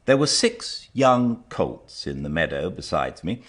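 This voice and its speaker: A man reading a storybook aloud as an audiobook narrator, measured and expressive. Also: sits low.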